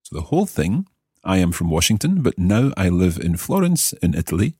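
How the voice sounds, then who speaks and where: Deep-voiced male language teacher, slow and clear. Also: big pitch swings, dark tone, no echo, clean studio sound. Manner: clear, deliberate teaching delivery, slowing down for example phrases. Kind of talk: podcast language lesson.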